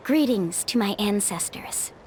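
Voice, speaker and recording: A woman's voice: medium pitch, animated, measured pace, background noise, close to an everyday voice. Mualani, a woman playing an upbeat young guide. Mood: explaining. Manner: upbeat, playful, confident. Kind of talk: video game voice acting. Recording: game audio with music behind.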